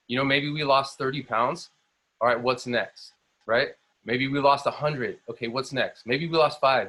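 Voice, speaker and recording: A man's voice: mid-range voice, sharp tone. A young adult man, a health coach, giving an upbeat motivational training talk on a video call, full of fillers and restarts.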